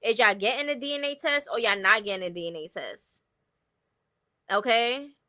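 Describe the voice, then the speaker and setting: This New York City livestream host speaks at a normal speed in a fairly high voice that sounds pushed and bright. In her New York accent she chats casually, serving up slangy gossip commentary that is blunt and opinionated.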